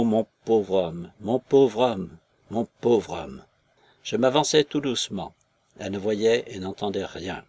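A man narrating a literary story in a measured, scripted audiobook reading. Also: mid-range voice, gravelly, a little mellow, no room sound.

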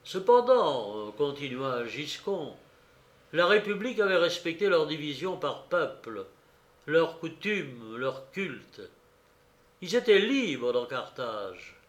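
A man reading a classic novel aloud in a slow, measured narration, lifting his voice for quoted shouts. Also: fairly high pitch, roomy sound. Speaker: audiobook reader. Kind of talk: literary narration.

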